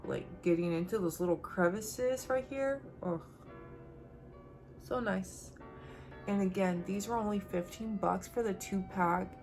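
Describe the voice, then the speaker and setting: Slow, chatty woman beauty vlogger. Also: medium pitch. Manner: chatty, upbeat, addresses viewers directly. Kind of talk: casual makeup review to camera. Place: at home.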